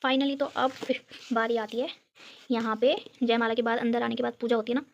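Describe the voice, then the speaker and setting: Speaking briskly in a slightly high, level, creaky voice, the young woman from Uttarakhand shows her viewers a photo album, chatting and giggling along the way. The phone-camera recording at home is muffled, with slight background noise.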